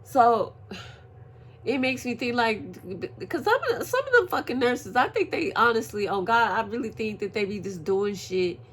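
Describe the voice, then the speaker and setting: A woman recovering from surgery, telling a story in a profane, animated casual vlog. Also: a little high, moderate pace. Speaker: vlogger. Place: at home, indoors.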